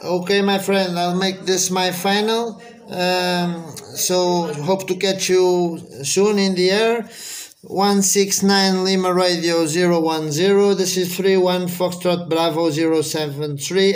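This is a high-pitched, steady man's voice, moving a little slowly, as he makes an amateur radio contact. He has a Portuguese accent, speaks English as a second language and spells things out phonetically.

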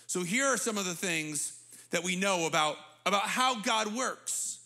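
A man in his thirties, a pastor preaching a sermon on a church stage into a handheld mic, animated and conversational. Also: high voice, measured pace, gravelly. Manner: animated, gesturing while preaching; conversational, repeats words when restarting. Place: church stage with big screen.

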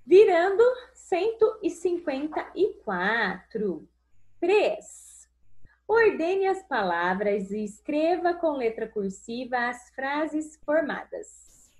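Brazilian woman, primary teacher, high voice, very slow, syllable-by-syllable delivery for kids. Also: sing-song, a little mellow. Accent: Brazilian Portuguese. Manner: slow, sing-song, stretches syllables and calls pupils "amores". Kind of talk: recorded remote lesson for young children. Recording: dull lo-fi recording.

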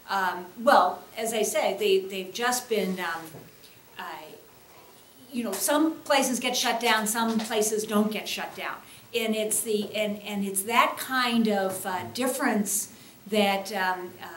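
A woman's voice: medium pitch, roomy sound, slight background noise. A middle-aged woman, a keynote speaker, answering questions earnestly at a table mic, with frequent ums and uhs. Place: indoor event hall, seated at a table.

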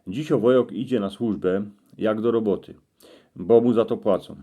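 A man's voice: fairly low pitch, normal speed, dark tone. A man with a Cieszyn Silesian accent, telling a folksy monologue in regional dialect and addressing listeners directly. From Cieszyn Silesia, Poland.

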